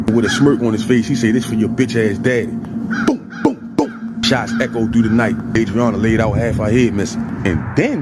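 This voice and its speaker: A man narrating a crime story in casual, slangy street talk, swinging from murmurs to loud bursts. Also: medium pitch, very noisy.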